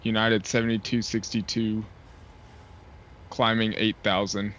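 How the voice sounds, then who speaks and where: Man, lowish voice, pilot on a cockpit headset, clipped formal readbacks, dull lo-fi sound. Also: little pitch movement, unhurried, fairly bright tone. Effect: pilot speaking over a cockpit headset mic. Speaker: sim pilot talking to online air traffic control. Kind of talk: radio phraseology readbacks. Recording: dull lo-fi headset mic, faint hiss.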